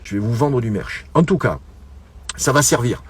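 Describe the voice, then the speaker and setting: A man's voice: medium pitch, expressive, normal speed, husky, dry recording. A middle-aged man hosting his own online show, rambling casually to his viewers, repeating words and stumbling as he goes. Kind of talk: casual solo monologue to viewers.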